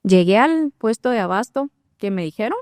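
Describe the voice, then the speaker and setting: A woman, telling her testimony in an animated, conversational way and acting out her own thoughts. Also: mid-range voice, moderate pace, no echo, studio quality. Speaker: guest sharing testimony.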